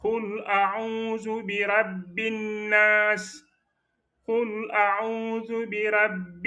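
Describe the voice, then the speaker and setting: A man's voice: a little high, pushed and bright, muffled recording. A man teaching a Quran recitation lesson, patiently correcting a student's errors and repeating the right forms, with frequent hesitations.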